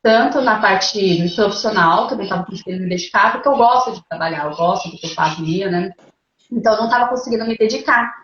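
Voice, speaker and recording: A woman's voice: mid-range voice, fast, a little hiss or hum. Earnest woman retelling a hard stretch, roomy lo-fi. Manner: earnest, animated retelling with quoted inner thoughts. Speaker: guest mother sharing her story. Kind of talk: emotional personal storytelling. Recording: roomy, dull lo-fi call audio.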